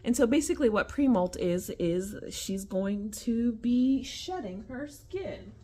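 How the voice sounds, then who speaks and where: In a room at home with tarantula enclosures, a woman with a fairly high, unhurried voice casually chats to camera about her pets. Animated and talkative, she calls her audience "y'all" and lowers her voice to a whisper around the spiders.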